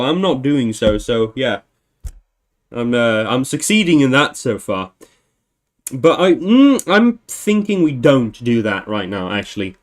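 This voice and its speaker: A man hosting a livestream, casually thinking aloud, often correcting himself and chuckling. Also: medium pitch. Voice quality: meandering, self-correcting, chuckling. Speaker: livestream host.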